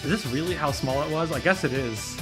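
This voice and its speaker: A man streaming a visual novel talks a little fast in a slightly high voice, music playing behind him. He muses aloud while troubleshooting, his chat casual, slangy and mildly sweary.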